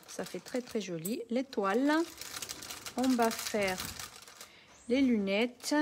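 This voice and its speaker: Unhurried woman host with a foreign accent in French, talking viewers through a live craft demo. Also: medium pitch, slight background noise. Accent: non-native French accent. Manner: chatty, talks viewers through each step. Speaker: craft demonstrator.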